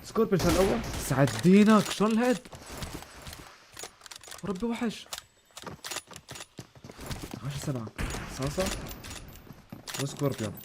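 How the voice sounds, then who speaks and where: A man commentating his own game on a live stream, excitable, shouting at big plays and thanking donors warmly. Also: sits high, moderate pace, long pauses, noisy background. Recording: game gunfire and music behind.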